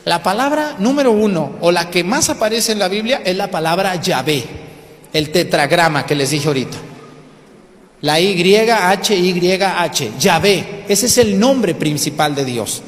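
A man's voice: high voice, expressive, normal speed, in a large hall. A man preaching a colloquial sermon to a congregation, explaining and asking them questions.

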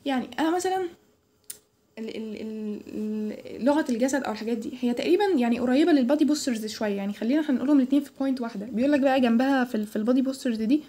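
A woman's voice: a little high, racing, mellow. A young woman with an Egyptian Arabic accent giving an informal lecture, chatty, with many restarts and English terms mixed in. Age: young adult. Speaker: student tutor.

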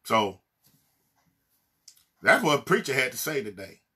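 A man's voice: mid-range voice, very animated, a little slow, bright, forceful tone, breathy edge. A man from Mississippi with a Southern accent, preaching a fiery, blunt sermon and hammering his points home with repeated refrains. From Mississippi, USA. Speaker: evangelist minister. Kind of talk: impassioned social media sermon.

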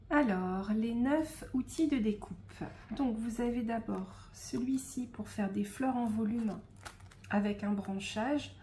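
A woman hosting a casual unboxing of craft supplies, speaking in a relaxed, hesitant way with frequent fillers and soft asides. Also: a little high, slow, a little hiss or hum. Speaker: scrapbooking shop host.

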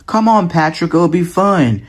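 A man's voice: a little high, expressive, measured pace, breathy edge. A man voicing an eager, cheerful cartoon sea sponge in a homemade fan cartoon, coaxing his friend along.

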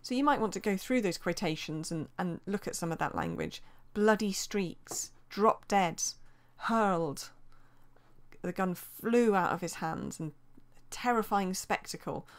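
A woman gives a revision lesson in a steady, explanatory voice-over. Her pitch sits in the middle range for a woman, and she reads quotations aloud between her points. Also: a little slow. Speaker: teacher.

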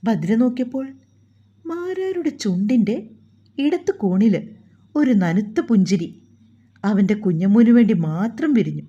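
A woman storyteller giving an expressive, scripted audiobook narration of a family drama. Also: mid-range voice, unhurried, pauses often, slightly rough, lo-fi sound.

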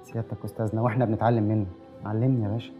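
An actor playing an eager, deferential police officer with an Egyptian accent, in a TV drama. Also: male voice, on the low side, little pitch movement, racing, warm tone, soft background music, lightly acted. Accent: Egyptian Arabic.

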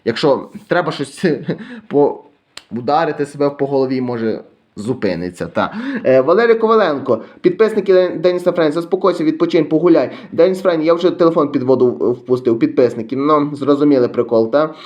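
Young western guy, quick and fairly high-voiced, casually reading out comments. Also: lively intonation, darkish tone, muffled recording. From western Ukraine. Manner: reads viewer comments aloud, chatty, self-deprecating. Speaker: YouTube vlogger.

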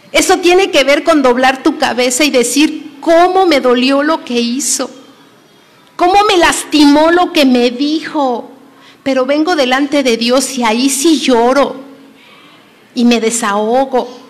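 A woman from Mexico preaching a sermon at a women's conference, urging the listeners emphatically and dropping at times to a hushed near-whisper. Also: a little high. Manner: emphatic, shifts between loud exhortation and hushed near-whisper. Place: church hall. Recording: long echo of a hall.

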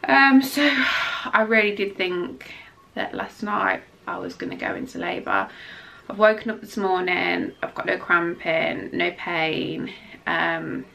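A woman's voice: lowish voice, sing-song, measured pace, vocal fry, pushed and bright. A young woman giving a casual pregnancy update vlog, rambling and emotional, exhausted and near tears, with lots of ums and restarts. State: exhausted and tearful. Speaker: vlogger.

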